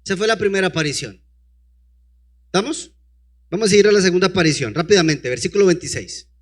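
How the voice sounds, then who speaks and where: A man's voice: sits high, expressive, quick pace. A man preaching a sermon, reading scripture aloud and breaking in with rhetorical questions to the congregation. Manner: calls out to a helper to advance the slides.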